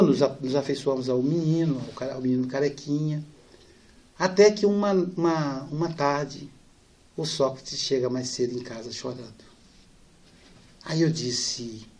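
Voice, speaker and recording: Brief: middle-aged male spiritist speaker, animated storyteller, fairly high voice, acts out the dialogue. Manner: animated storyteller, acts out dialogue, drops soft and slow for sad parts. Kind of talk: storytelling lecture.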